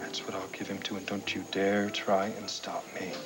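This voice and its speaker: Actor playing a deep-voiced, scornful soap-opera man. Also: monotone, normal speed, loud music behind the voice, natural voice. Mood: cold, firm. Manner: sarcastic, cutting, emphatic. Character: scornful, self-assured man berating his former lover. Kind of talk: television soap opera acting.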